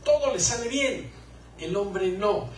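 A man's voice: high-pitched, expressive, slow, echoey room, far from the mic, slight background noise, poor audio. A man gives a joking live talk to couples about marriage and acts out little scenes. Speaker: conference speaker on marriage.

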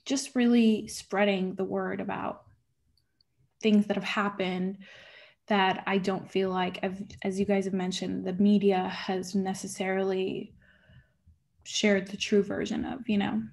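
A young woman from the United States speaks from her living room over a webcam, earnest and grateful. Her voice is gravelly with vocal fry. Her pitch stays quite flat. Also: unhurried. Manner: earnest, grateful, with many fillers. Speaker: panelist. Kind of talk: casual comment on a video call. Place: living room at home, indoors. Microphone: laptop webcam.

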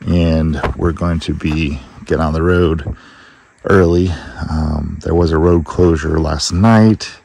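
A man giving a casual travel update for his van life vlog, chatty and relaxed with fillers, at a campground. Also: very deep voice, takes it slowly, gravelly, slight background noise. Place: campground outdoors.

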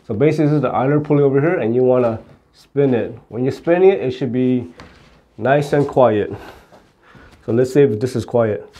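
A middle-aged man, an auto repair instructor, explains car repair to camera plainly and step by step. His mid-range voice is mellow and moves a little fast.

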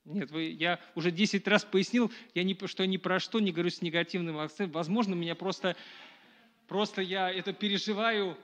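A middle-aged man lectures to a live audience in a small dark room, his high voice steady in tone and a little fast. He talks conversationally with plenty of fillers and restarts, recorded from a camera some distance away.

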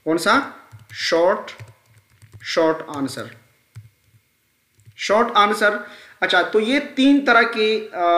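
A man with a high, pushed and bright voice teaches a grammar lesson in a screen-recorded explanatory style, repeating key terms and checking in often with the listener. The room sounds echoey.

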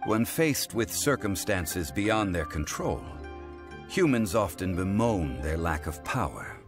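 A man voicing an ancient god living as a calm, dignified mortal, speaking in measured, formal sentences. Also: deep voice, over music, exaggerated voice. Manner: measured, formal, stately speech. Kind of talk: video game voice acting.

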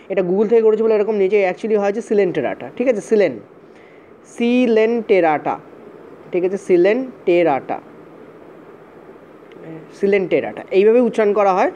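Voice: medium pitch, mellow. A teacher giving an exam-prep lecture, repeating points and checking in with "okay" often, spelling terms out letter by letter. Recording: dull, slightly lo-fi audio with faint hiss.

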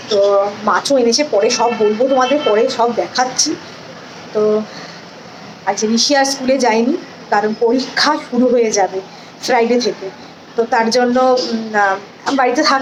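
A woman's voice: on the high side, noisy background. A woman chats homely and casually to her viewers while doing chores at home. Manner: chatty, homely, narrating chores. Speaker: homemaker vlogger. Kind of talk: casual daily vlog. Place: home kitchen and sunny outdoors.

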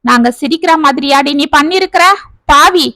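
A woman's voice: sits high, moderate pace, sharp tone, no echo, clean studio sound. A woman voicing a middle-aged mother who talks in a scolding, outraged way.

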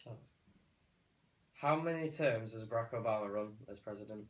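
Lowish-voiced British teenage lad. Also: male voice, moderate pace, fairly bright tone, far from the mic, low-quality recording. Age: teens. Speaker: challenge participant. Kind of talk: casual quiz banter. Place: living room sofa, indoors. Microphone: camera a short distance away.

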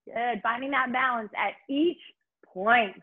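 A woman with a breathy voice works as an aerobics instructor, leading a workout with upbeat, encouraging cues and urging commands. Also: a little high, a little slow, phone-quality sound. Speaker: fitness instructor and host.

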